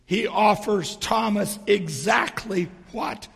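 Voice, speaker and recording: Hoarse man preaching in a stage whisper. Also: high voice, a bit bright. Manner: deliberate, pausing phrase by phrase. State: hoarse, losing his voice. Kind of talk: sermon with storytelling and dry humour. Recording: reverberant hall.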